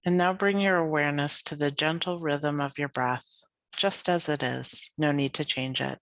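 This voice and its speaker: Guiding a yoga nidra session, this female teacher speaks in a low-pitched, steady tone, soft and calming, letting long pauses stretch between slow phrases. The recording is dry.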